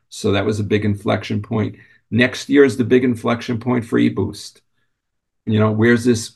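A man answering as a company executive in an unscripted interview, conversational and halting, often repeating words. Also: lowish voice, vocal fry.

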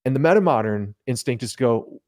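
Here the man's voice is medium-pitched, darkish and expressive, with a quick pace. As a podcast guest in a casual theological chat, he explains ideas colloquially and likes to voice imagined remarks.

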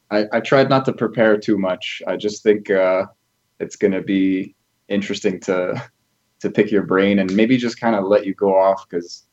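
A man co-hosts a podcast and asks his questions in a rambling, hesitant way. His voice sits on the low side, and the recording sounds dull and lo-fi. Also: darkish tone. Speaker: podcast co-host. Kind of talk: casual interview.

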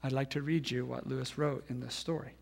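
A man in his thirties, a pastor giving a sermon, telling a story and acting out the voices in it, then dropping to hushed tones. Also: mid-range voice, fairly even intonation, a little fast, gravelly. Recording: long hall reverb.

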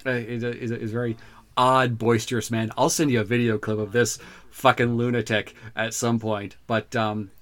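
A man hosting a casual podcast and running a quick quiz, often repeating his first words as he gets going. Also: mid-range voice, flat delivery. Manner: stammers, repeating words as he starts sentences.

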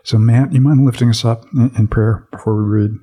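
A man's voice: medium pitch, fairly even intonation, brisk, dark tone, husky. A man hosting a devotional podcast, reading scripture aloud and then reflecting on it in an easygoing way with many fillers. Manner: reflective, with many fillers when speaking freely. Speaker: podcast host and Bible reader.

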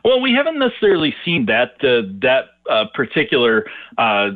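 A man's voice: mid-range voice, wildly swooping pitch, normal speed, dry recording. A man speaking as a market analyst over a phone line, answering interview questions in a hesitant way with many fillers and restarts. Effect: heard over a phone line. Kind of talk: casual radio interview answers. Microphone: telephone. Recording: tinny dry phone line.

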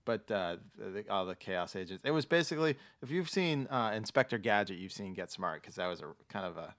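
A man with a lowish voice hosts a casual podcast. He talks haltingly, often stopping and backtracking as he explains. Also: animated, fairly bright tone. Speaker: podcast host.

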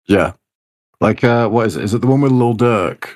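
A man's voice: fairly low pitch, normal speed, a little mellow. A young man, bantering casually about music in a laid-back, slangy way.

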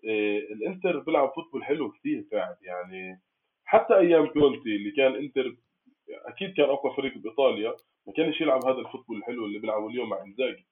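Man, Palestinian Arabic accent, phone-like thin audio, rapid halting speech, mid pitch, casual football fan talk. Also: expressive. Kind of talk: casual sports discussion. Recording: tinny, phone-like call audio.

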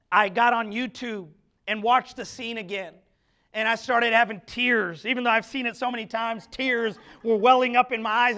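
A man with a strikingly high, bright, forceful voice delivers a church sermon. He preaches with passion, firing rhetorical questions at the congregation and stumbling over quick restarts as he builds his point. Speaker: pastor. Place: church sanctuary.

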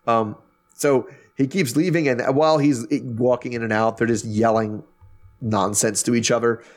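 A man hosting a podcast, recapping an episode in a wry, animated way, with many restarts. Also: medium pitch, moderate pace. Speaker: podcast host. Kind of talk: casual recap chat.

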